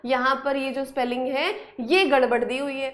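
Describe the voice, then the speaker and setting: Female spelling teacher, Indian accent, high pitched, brisk and encouraging with her class. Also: fairly even intonation, fairly bright tone. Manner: brisk, praising, urging students to hurry. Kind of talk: live online class, quizzing students.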